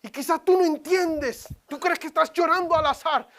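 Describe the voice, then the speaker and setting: A woman preaching a sermon in church, dramatic, swinging from loud cries to hushed whispers. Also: very high-pitched, normal speed.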